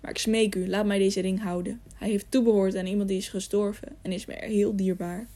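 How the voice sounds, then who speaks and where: A woman's voice: medium pitch, level tone, fairly quick, warm tone, lightly acted. A woman reading an audiobook, voicing a brave but frightened young man who pleads earnestly. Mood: pleading.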